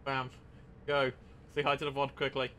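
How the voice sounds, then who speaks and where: A man's voice: mid-range voice, monotone, moderate pace, sharp tone, a little hiss or hum. Upbeat man streaming a train game. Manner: upbeat, chatty, with sound-effect exclamations. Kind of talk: casual gameplay commentary.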